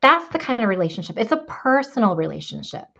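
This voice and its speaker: Candid woman with a gravelly edge. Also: mid-range voice, sing-song, quick pace, pushed and bright, dull audio. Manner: candid, rambling, with frequent laughs and fillers. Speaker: podcast guest. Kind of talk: faith testimony conversation.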